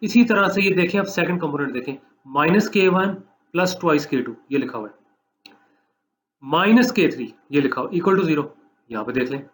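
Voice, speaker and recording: A man giving a recorded mathematics lecture, walking students through each step, repeating points and dictating slowly for notes. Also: a little high, animated, a bit bright. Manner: explanatory, repeats steps, dictates slowly for note-taking. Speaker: math lecturer.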